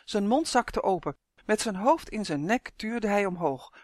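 A reader narrating a children's storybook in a calm, even storytelling manner. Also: mid-range voice, a little slow, no room sound, clean studio sound. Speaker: audiobook reader.

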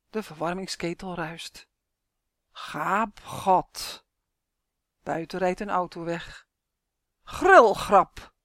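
A woman reading a children's story aloud in an expressive, unhurried way. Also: lowish voice, dry recording, clean studio sound.

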